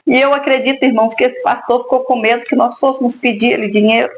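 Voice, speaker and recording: A woman's voice: a little high, fairly even intonation, fast, a little hiss or hum, rough recording. Fervent Brazilian woman giving a faith testimony. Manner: fervent, addresses listeners as brothers, prays aloud. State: emotional, near tears.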